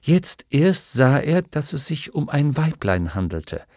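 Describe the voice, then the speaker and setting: A man narrating an audiobook in a measured storytelling manner, recorded on a studio microphone. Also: on the high side, big pitch swings, a little mellow, dry recording. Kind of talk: scripted narration.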